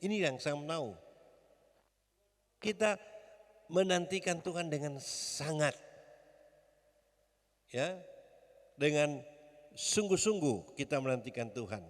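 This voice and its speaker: Emphatic pastor in a reverberant church. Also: male voice, on the high side, lively intonation, slow pace, long pauses. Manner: emphatic, leads congregation in call-and-response. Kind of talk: sermon. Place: church hall.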